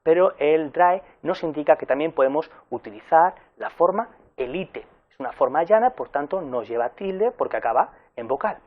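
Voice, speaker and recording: A man giving a recorded university lecture in an explanatory way, pausing with fillers and correcting himself as he goes. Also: a little high, expressive, phone-quality sound.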